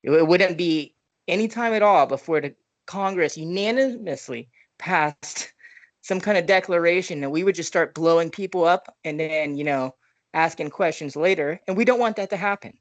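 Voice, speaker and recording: A man's voice: on the high side, moderate pace, dry recording. A man appearing as a podcast guest, talking bluntly in a casual political discussion over a video call and often cutting in. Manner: blunt, interjecting.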